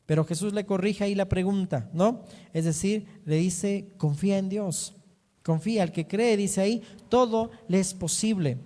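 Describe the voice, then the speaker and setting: A man's voice: sits high, normal speed, mellow. A man preaching a sermon as pastor, explaining scripture and asking rhetorical questions. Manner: teaching, reading and explaining scripture; asks rhetorical questions, often ending with "¿no?". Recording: reverberant hall sound.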